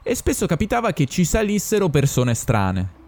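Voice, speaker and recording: A man narrating a short story and voicing the conductor, expressive and theatrical. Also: on the high side, normal speed. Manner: expressive, acting out the characters. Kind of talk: audiobook story reading.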